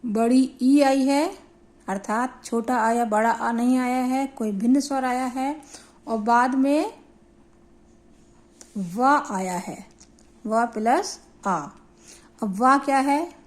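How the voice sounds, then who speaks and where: This Hindi grammar teacher speaks in a high, steady, slightly mellow voice. She takes her time with each explanation and spells out syllables for the class.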